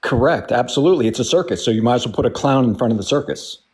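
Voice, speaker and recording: A man's voice: medium pitch, animated, quick pace, crowd noise. Blunt, emphatic man in his forties. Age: 40s. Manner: blunt, emphatic, repeats points, swears. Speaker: debate participant. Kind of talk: heated political argument.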